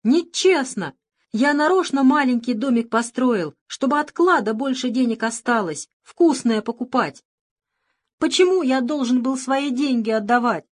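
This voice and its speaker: A woman voicing a spoiled, petulant rich young man who whines and shouts. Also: medium pitch, expressive, brisk, hardly any pauses, natural voice. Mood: whining.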